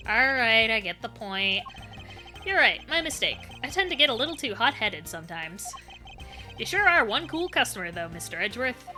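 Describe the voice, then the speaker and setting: A woman voicing a loud flamboyant male prosecutor. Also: a little high, very animated, normal speed, faint music behind, heavily acted. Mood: showy. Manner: flamboyant, loud, grandly dramatic. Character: suave hot-headed male prosecutor, theatrical.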